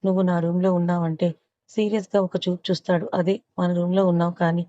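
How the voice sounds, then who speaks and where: A flustered, affectionate young wife from a storybook romance, scolding lightly, as a woman narrator reads her. The voice is low and mellow and barely rises, with a dry, muffled sound. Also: little pitch movement, quick pace, no echo, close to an everyday voice. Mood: protesting.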